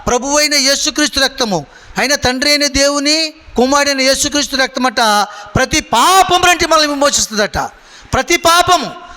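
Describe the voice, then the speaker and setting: A pastor with a very high, sharp-toned, smooth voice preaches a sermon to his congregation in a church hall. He asks them questions and calls for their answers, and the recording carries a long hall reverb.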